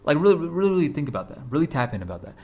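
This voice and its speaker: A man's voice: a little high, very animated, rapid-fire, phone-quality sound. A man in his twenties giving a casual motivational talk to camera, urgent and repetitive, blunt, with casual swearing. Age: 20s. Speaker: fitness vlogger.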